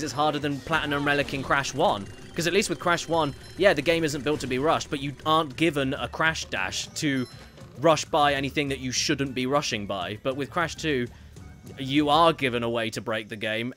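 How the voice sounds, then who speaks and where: A man's voice: mid-range voice, a little fast, sharp tone, faint music behind. A man streaming a video game, chatting casually and reading viewer messages aloud, rambling and correcting himself as he goes. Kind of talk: casual gameplay commentary.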